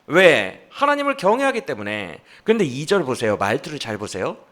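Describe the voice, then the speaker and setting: A male pastor preaching a sermon at a church service, animated and asking the congregation questions as he acts out the speaker's complaints. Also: on the high side, moderate pace.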